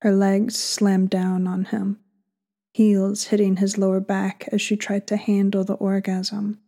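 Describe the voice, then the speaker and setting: A woman author reading her erotic story aloud slowly and sultrily, sometimes dropping into a breathy whisper. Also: medium pitch, flat delivery, dark tone. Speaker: author and co-host.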